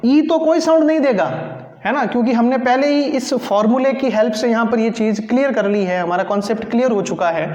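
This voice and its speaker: A man's voice: extremely high pitch, fairly quick, a little mellow. A man teaching an English phonetics lesson, explaining spelling rules patiently and repeating them while calling his viewers friends. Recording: echoey room, dull lo-fi sound.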